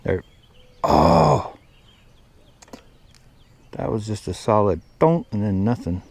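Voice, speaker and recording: A man's voice: lowish voice, lively intonation, moderate pace, a little mellow. A man chatting casually and folksily while fishing outdoors from a boat. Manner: folksy, colloquial. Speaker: angler hosting a fishing vlog. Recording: noisy outdoor recording.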